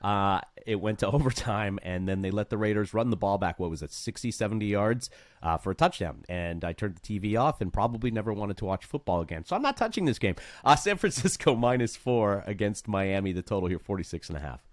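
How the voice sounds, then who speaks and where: Male betting-show host, deep-leaning and punchy, dry booth sound, leans on repetition. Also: animated, fairly quick, dry recording. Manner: emphatic, asks rhetorical questions and repeats for effect. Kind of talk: casual betting-picks chat.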